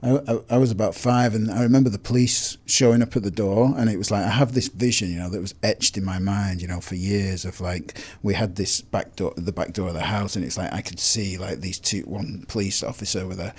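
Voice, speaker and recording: Husky, low-voiced man. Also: steady tone, a little mellow. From Lancashire, England. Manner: halting, repeats words, many "you know" fillers. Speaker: guest, psychotherapist. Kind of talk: casual interview.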